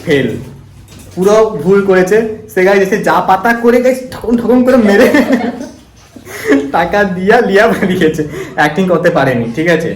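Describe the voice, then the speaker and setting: A man's voice: high-pitched, animated, normal speed. A man hosting a challenge vlog, chatting casually and teasing his friends. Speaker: challenge vlogger. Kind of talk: casual prank-challenge chat among friends. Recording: roomy echo, some background noise.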